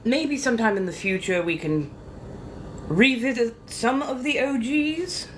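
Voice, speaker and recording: With a fairly high voice and a slightly slow delivery, a woman hosting a livestream chats casually with followers in coy, theatrical, old-fashioned ladylike speech, repeating phrases for playful effect. A little hiss or hum is audible.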